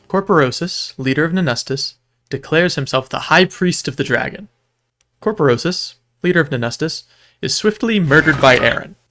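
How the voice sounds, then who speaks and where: Recapping a roleplay game event for a video, a male narrator reads a script as a story, with dramatic delivery and the occasional wry aside. His voice has a fairly high pitch and a somewhat bright tone.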